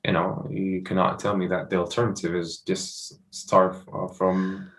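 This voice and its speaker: A man's voice: sits low, flat delivery, unhurried, a bit bright. A young man from Morocco, a startup founder, answering interview questions with many fillers and restarts.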